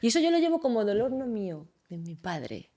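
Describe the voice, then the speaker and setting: A woman's voice: a little high, fairly quick, a crowd in the background. A woman, a psychologist hosting a podcast, telling stories expressively in casual conversation. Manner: expressive, animated storytelling.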